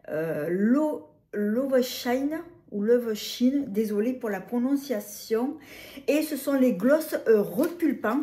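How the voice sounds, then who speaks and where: A woman's voice: on the high side, a little mellow. A woman with a French accent casually reviewing lip glosses, hesitating often with fillers and restarts. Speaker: beauty vlogger.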